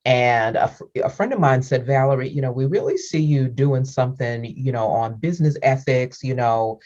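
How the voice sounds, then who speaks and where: A woman's voice: rumbling low, normal speed, a little mellow. Chatty woman host on a dull call. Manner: chatty, laughs often, repeats words. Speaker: interview host. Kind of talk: casual interview chat.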